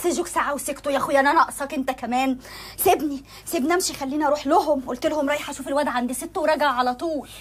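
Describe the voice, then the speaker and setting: A woman's voice: sits high, rapid-fire, a little hiss or hum, close to an everyday voice. A woman playing a sassy Egyptian young woman. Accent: Egyptian Arabic. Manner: sassy, bickering. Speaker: actress in amateur comedy film.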